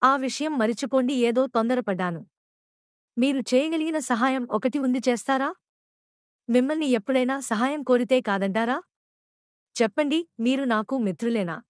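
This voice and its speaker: A woman's voice: sits high, normal speed, no room sound, studio quality, close to an everyday voice. A woman voicing a desperate, unhappy young wife, emotional and bitter, in a storybook reading. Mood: insistent.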